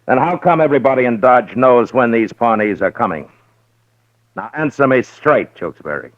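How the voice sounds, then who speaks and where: An actor playing a firm, skeptical Old West marshal with a dry, probing manner, in old-time radio western style. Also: male voice, mid-range voice, lively intonation, moderate pace, natural voice. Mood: stern questioning. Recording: dull roomy vintage radio recording.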